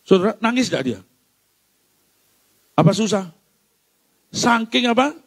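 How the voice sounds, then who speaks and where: A man preaching a sermon, swinging between hushed tones and shouts and breaking into sung phrases. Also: high voice, big pitch swings, takes it slowly, gravelly, breathy edge, dry recording. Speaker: pastor.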